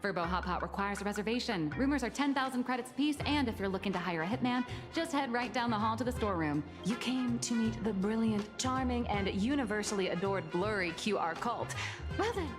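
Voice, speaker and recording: A woman's voice: fairly high pitch, animated, fairly quick, close to an everyday voice. A woman voicing a smug, scheming Furbo magazine boss in a game cutscene. She talks in a theatrical, self-satisfied way. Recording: reverberant with game music.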